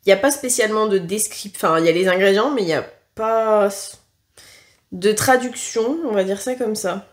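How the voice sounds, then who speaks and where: A woman giving a casual taste-test review to camera, talking frankly and often pausing on filler sounds and restarts. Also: mid-range voice. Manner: chatty and frank, leaning on "franchement" and "concrètement"; hesitant, with frequent filler sounds and self-corrections. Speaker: food tasting vlogger.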